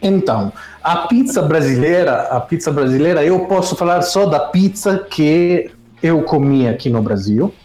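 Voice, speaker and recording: A man's voice: on the high side, expressive, normal speed, a little mellow, echoey room, soft background music. A man from Italy with an Italian accent, telling stories casually in an interview and often restarting his sentences. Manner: rambling, self-correcting storyteller. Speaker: streamer guest.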